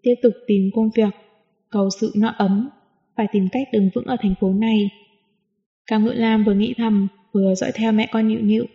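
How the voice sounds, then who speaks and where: A woman narrating a novel in an audiobook, with smooth, even storytelling, in a dull recording with a long reverb. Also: mid-range voice, normal speed. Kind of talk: scripted narration.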